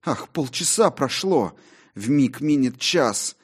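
A male audiobook narrator voicing a despairing, doomed Faust, declaiming in a high, strained voice. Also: lively intonation, takes it slowly, breathy edge. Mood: anguished.

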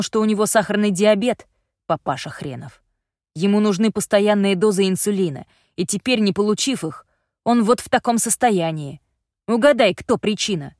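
A woman voicing a gruff, commanding male rescuer doctor who barks blunt orders in an audiobook reading. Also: mid-range voice, a little mellow, dry recording, studio quality, lightly acted.

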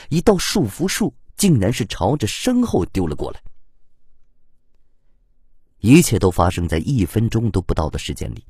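A man narrating an audiobook in an expressive storytelling manner on a close mic. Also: low-pitched, slightly rough, no echo. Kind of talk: scripted narration.

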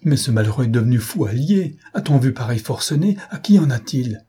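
A man's voice: mid-range voice, measured pace, warm tone, slightly rough. A man doing a flustered old shipowner. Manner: flustered, indignant. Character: indignant older male shipowner, flustered.

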